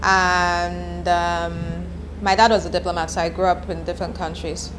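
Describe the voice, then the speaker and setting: On the low side but fairly bright in tone, this Nigerian woman's voice shows little pitch movement as she speaks at a moderate pace. A copywriter in her thirties, she answers interview questions chattily and candidly with restarts, in an echoey room with background noise.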